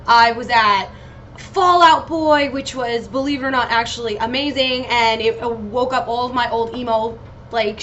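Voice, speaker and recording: A high, bright-voiced American woman chats loosely on her solo podcast. She is giggly, scattered and a little loopy, swearing freely as she wanders between thoughts. The recording is muffled and lo-fi, like a home setup. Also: a little hiss or hum. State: slightly loopy on painkillers. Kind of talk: casual rambling solo chat with swearing.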